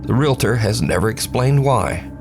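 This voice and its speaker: A man's voice: medium pitch, lively intonation, moderate pace. A man hosting a video countdown, narrating clips in a dramatic, playful storytelling way. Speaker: host narrating viral videos. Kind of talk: scripted narration. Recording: background music.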